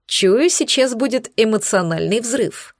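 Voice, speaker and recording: Woman narrator voicing a warm-hearted, sly demoness, calm and teasing, dry studio read. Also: on the high side, unhurried, no echo. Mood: reassuring.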